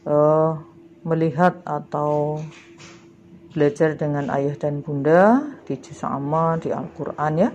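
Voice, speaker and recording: A woman's voice: low voice, dark tone, highs cut off, slight background noise. A woman teacher explaining a lesson patiently to schoolchildren, drawing out the example words as she recites them. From Indonesia. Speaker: primary school religion teacher. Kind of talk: slow classroom lesson.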